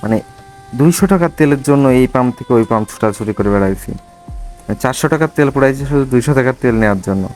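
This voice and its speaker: A man's voice: medium pitch, lively intonation, rapid-fire, darkish tone, soft background music. A man with a Bangladeshi accent chats casually and reflectively to viewers as he rides, speaking from inside a motorbike helmet. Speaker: motovlogger. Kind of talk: casual riding vlog chat.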